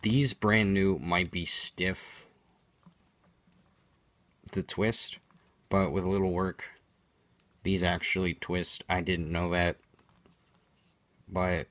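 A man's voice: low-pitched, slow, pauses often, fairly bright tone. A man giving an unscripted product demonstration in a matter-of-fact, explanatory way, as a reviewer.

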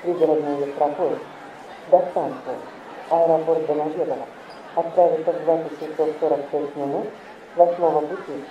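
A man making formal railway station announcements in measured, segmented phrases, in the manner of an airport announcement. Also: on the high side, fairly even intonation, recorded from a distance. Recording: muffled, echoey station loudspeaker, noisy crowd.

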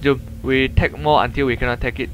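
The host of a gameplay video speaks briskly, at a medium pitch with fairly even intonation, chatting casually with a co-player. His colloquial, Malaysian-accented English is mixed with "lah" and Malay words. The recording is muffled, with video game ambience and sound effects clearly audible behind him.

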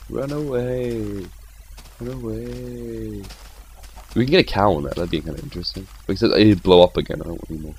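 Young male gameplay host, deep voice, rambling and excitable. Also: breathy edge. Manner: chatty and rambling, with excitable outbursts. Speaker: gaming channel host. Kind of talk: casual gameplay commentary.

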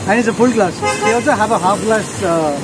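A man's voice: high-pitched, brisk, low-quality recording. A man with an Indian accent chatting casually and enthusiastically as a food vlogger, savouring what he eats. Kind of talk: casual chat while tasting street food. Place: outdoor street food stall. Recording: music over outdoor street recording.

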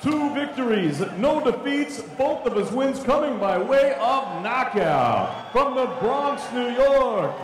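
A man's voice: extremely high pitch, animated. A middle-aged man announcing a boxing bout in a formal bilingual lucha libre announcer manner, drawing out names theatrically. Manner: theatrical, drawn-out names and phrases. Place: boxing ring in an indoor arena. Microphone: handheld microphone through PA. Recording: echoey arena PA, reverberant, noisy.

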